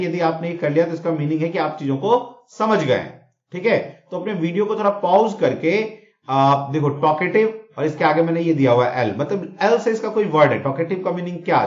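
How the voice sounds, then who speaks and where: A man teaching vocabulary in a mix of Hindi and English, repeating words and checking in with students. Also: fairly high pitch. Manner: explains with mnemonics, repeats words, frequent "theek hai na?" checks. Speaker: exam coaching teacher. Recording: echoey room, dull lo-fi sound.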